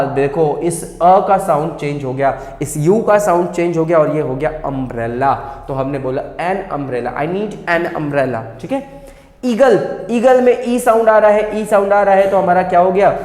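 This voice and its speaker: A man's voice: on the high side, a little mellow. A man teaching an English grammar lesson, explaining step by step, repeating key words and asking and answering his own questions. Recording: echoey room with long reverb.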